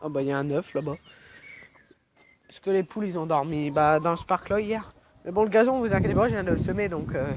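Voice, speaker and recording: In a casual outdoor vlog shot on a phone camera, a young man with a cold wanders through a look at his yard, rambling and filler-heavy. His voice sits high, with a slight hiss or hum.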